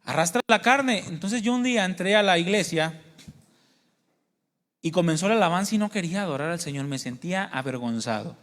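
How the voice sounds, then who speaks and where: A man's voice: high voice, expressive, brisk, fairly bright tone, big-room sound. A man preaching a sermon, earnest and personal, asking the congregation questions and calling them brothers and sisters. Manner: tells personal testimony, asks the congregation questions. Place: church hall.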